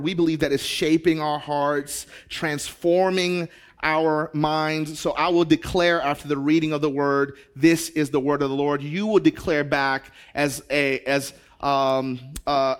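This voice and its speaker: High-voiced energetic pastor, a man from Zambia. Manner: energetic, exclaiming to the congregation. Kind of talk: sermon.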